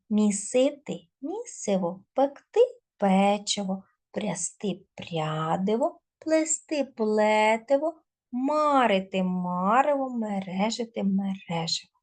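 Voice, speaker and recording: A woman teacher giving a recorded video lesson to schoolchildren, dictating word lists slowly and clearly. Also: mid-range voice, darkish tone.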